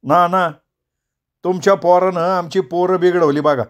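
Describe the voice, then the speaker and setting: A man's voice: high voice, steady tone, a little slow, pitched above the performer's own voice. A male storyteller voicing an angry, defensive village father who talks in a raised rustic voice. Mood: indignant. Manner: indignant, raised voice.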